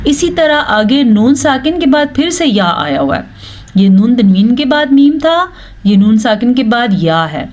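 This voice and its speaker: A woman's voice: on the high side, big pitch swings, darkish tone. A woman teaching Quran recitation rules step by step, explaining patiently and correcting common mistakes. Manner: explains rules patiently, then recites verses slowly and drawn out.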